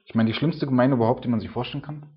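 A man's voice: mid-range voice, very fast. A man preaching an informal sermon, talking casually and filling his sentences with "ne" and "so". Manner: casual, filler-heavy, with frequent "ne" and "so". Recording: dull lo-fi sound.

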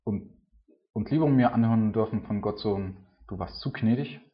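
A low-pitched man gives a relaxed, chatty sermon, peppering his talk with little tag words. The recording is muffled and lo-fi, with dulled highs. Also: moderate pace. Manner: casual, filler-heavy, with frequent "ne" and "so". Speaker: preacher. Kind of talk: informal sermon. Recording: dull lo-fi sound.

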